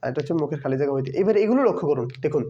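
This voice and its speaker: A man teaching a Quran tajweed class online, patiently drilling Arabic letters and vowel marks, repeating each sound slowly for students to follow. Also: fairly high pitch, expressive, warm tone. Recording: dull lo-fi sound.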